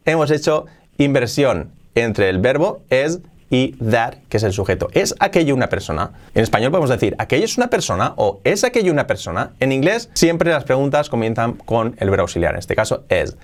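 A man whose first language is Spanish, teaching an online English lesson with lively explanations and slow, repeated example phrases. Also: medium pitch.

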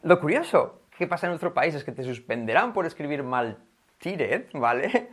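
A man's voice: on the high side, big pitch swings, brisk, a bit bright. Playful Spanish man teaching English. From Spain. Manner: playful, switches between Spanish and English, laughs often. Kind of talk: casual pronunciation lesson.

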